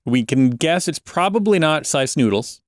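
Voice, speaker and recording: A man's voice: a little high, lively intonation, moderate pace, no room sound, clean studio sound. A man co-hosting a podcast in casual, wry conversation. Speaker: podcast co-host.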